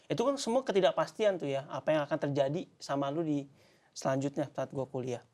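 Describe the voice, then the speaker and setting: A young man, talking thoughtfully in casual podcast chat, pausing often to search for words. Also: a little high, a little mellow. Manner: thoughtful, halting with fillers. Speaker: podcast co-host.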